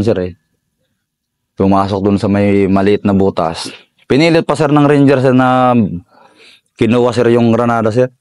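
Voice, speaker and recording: A middle-aged Filipino soldier from the Philippines, telling a war story in an interview, deferential and halting with many fillers. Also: male voice, fairly low pitch, darkish tone, no room sound. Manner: deferential, says "sir" constantly, halting with fillers. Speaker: soldier recounting combat.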